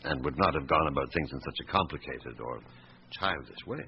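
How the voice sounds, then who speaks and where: Police inspector, radio play. Low, animated, measured interrogator with dry wit; noisy, dull vintage sound. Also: male voice. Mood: quietly insistent. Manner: probing, measured, wry. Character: probing, patient male police inspector, middle-aged or older. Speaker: police inspector questioning suspects. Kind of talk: radio drama acting.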